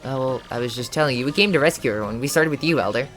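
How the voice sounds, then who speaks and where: A man's voice: mid-range voice, very fast, a bit bright, faint music behind, close to an everyday voice. A man voicing an earnest young boy who pleads and explains eagerly in a video game. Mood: pleading.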